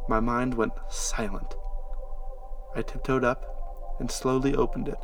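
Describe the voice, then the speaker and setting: A man narrating a first-person story in a conversational way that grows animated at tense moments. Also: mid-range voice, unhurried, soft background music.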